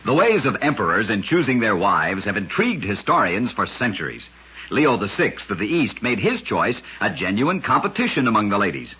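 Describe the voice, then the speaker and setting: This vintage radio host tells brief scripted tales with a gritty, husky voice and theatrical narration, captured on a muffled old recording. He speaks fairly low, with a sing-song lilt and a moderate pace.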